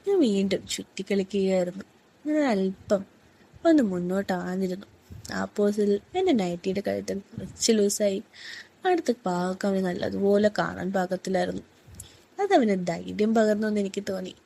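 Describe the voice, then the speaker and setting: A woman reading a first-person story aloud in a soft, unhurried, intimate way. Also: medium pitch, animated, gravelly.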